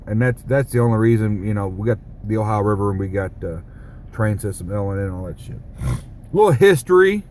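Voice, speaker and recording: A man's voice: medium pitch, darkish tone, a little hiss or hum. A man who rambles, jokes and swears through a casual vlog monologue. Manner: rambling, joking, profane. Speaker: vlogger.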